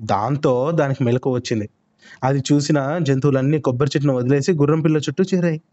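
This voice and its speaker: A man telling a children's story, expressive and full of lively sound words. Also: mid-range voice, fast talker. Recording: muffled lo-fi recording.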